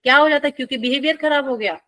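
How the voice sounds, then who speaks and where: A woman's voice: sits high, very fast, a bit bright, no echo. A woman teacher, giving a friendly, playful lecture and asking her students questions as she goes. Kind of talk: classroom lecture.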